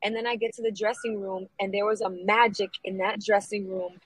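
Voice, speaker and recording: A middle-aged woman comedian from New York, chatting in an interview, upbeat and lively, dropping Spanish phrases now and then. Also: mid-range voice, brisk, breathy edge, no room sound, rough recording. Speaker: guest, comedian and producer. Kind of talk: casual interview chat.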